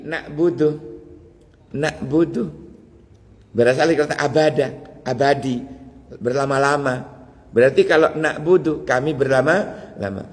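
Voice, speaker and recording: A man's voice: mid-range voice, long reverb tail. A man with a Javanese accent giving a dawn study sermon, teaching in a folksy way with chuckles and Javanese asides. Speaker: preacher.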